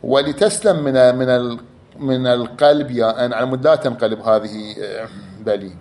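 A man's voice: mid-range voice, moderate pace, darkish tone, a little hiss or hum. A man teaching a class, explaining step by step, repeating key words and drawing out examples. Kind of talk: explanatory lecture.

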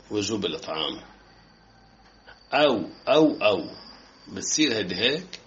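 A man's voice: medium pitch, vocal fry, fairly bright tone. A man with a Lebanese accent teaching a seminary class, reading a text aloud and then arguing with it through rhetorical questions. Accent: Lebanese Arabic. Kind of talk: classroom lecture on jurisprudence. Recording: dull lo-fi class recording.

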